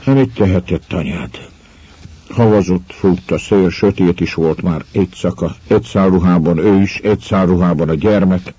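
An actor playing a brooding man who confesses a killing to his lover's child, in a grave, measured monologue that drops to hushed whispers. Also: low-pitched, slightly rough, no echo. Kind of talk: dramatic monologue. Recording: dull lo-fi recording.

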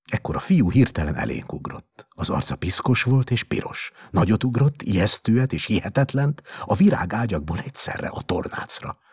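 Deep raspy guy reading a story out, lots of swing in his voice. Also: sing-song, darkish tone, no echo, studio quality. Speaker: narrator.

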